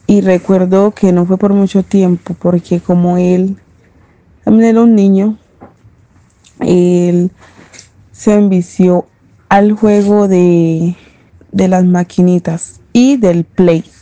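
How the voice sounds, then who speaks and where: A woman from Medellín with a Paisa Colombian accent, recalling her childhood in an unhurried, reflective personal testimony. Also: lowish voice, steady tone, dark tone, highs cut off. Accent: Paisa Colombian Spanish. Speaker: interviewee, daughter of a domestic worker.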